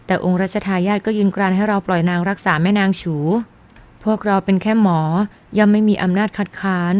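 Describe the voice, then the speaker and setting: A woman's voice: medium pitch, little pitch movement, brisk, darkish tone, clear, resonant tone, close to an everyday voice. A woman reading the part of a scornful male court physician in an audiobook. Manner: scornful, suspicious.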